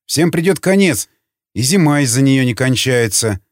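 A man's voice: medium pitch, animated, normal speed, no echo, clean studio sound, close to an everyday voice. A man as a terse, guarded male prisoner. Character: determined young male prisoner under interrogation.

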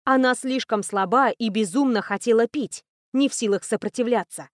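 A woman's voice: a little high, moderate pace, no echo, clean studio sound. Woman narrating a fantasy audiobook. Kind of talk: scripted narration of a fantasy novel.

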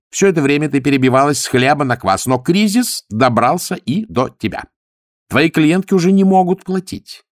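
A man's voice: on the high side, no room sound, clean studio sound, pitched above the performer's own voice. A man doing a pushy, scheming cousin. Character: scheming, persuasive male cousin, a smooth-talking schemer.

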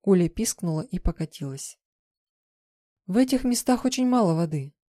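A woman's voice: lowish voice, animated, moderate pace, mellow, no echo, clean studio sound. A woman narrating a first-person fiction audiobook with tense, vivid storytelling.

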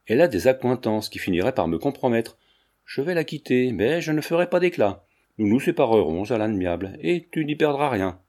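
A man reading an audiobook, voicing a suave scheming baron who stays calm and coaxing. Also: mid-range voice, brisk, close to an everyday voice. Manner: smooth, coaxing, unruffled.

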